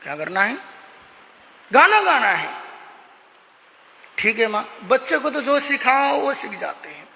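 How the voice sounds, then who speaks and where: A man's voice: extremely high pitch, very animated, measured pace, vocal fry, pushed and bright. A male Jain monk giving an emphatic, moralizing sermon in a prayer hall, acting out stories. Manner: emphatic, moralizing, acts out dialogue. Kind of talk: sermon with storytelling. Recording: echoey hall with long reverb.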